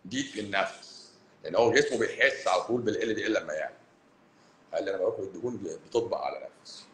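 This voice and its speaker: A man from Cairo with an Egyptian accent, a doctor talking bluntly and emphatically to viewers on a livestream, swinging between loud and hushed. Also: low voice, lively intonation, racing, reverberant, a little hiss or hum, rough recording. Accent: Egyptian Arabic, Cairo. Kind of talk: livestream talk answering viewers.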